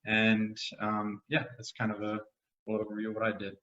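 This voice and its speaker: A man from Colorado introducing himself in an online presentation, relaxed and unhurried. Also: fairly low pitch, roomy sound, lo-fi sound. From Colorado, USA.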